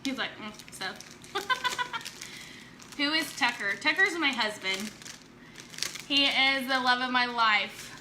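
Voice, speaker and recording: A woman's voice: a little high, unhurried, noisy background. A woman hosting a casual craft live stream at home, chatting with viewers and joking and laughing a lot. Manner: joking, teasing, laughs often. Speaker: live-stream host demonstrating chalk crafts.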